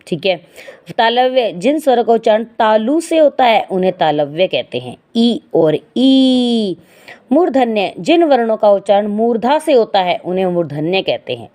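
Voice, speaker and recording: Teaching Hindi grammar, a woman asks questions and then answers them herself in an explanatory way, stretching out vowel sounds as examples. Her voice is medium-pitched with a darkish tone.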